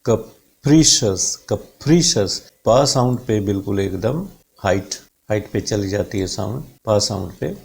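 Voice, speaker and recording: A man teaching English vocabulary and pronunciation, explaining in Hindi and saying English examples slowly and carefully. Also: fairly low pitch, creaky, a little mellow.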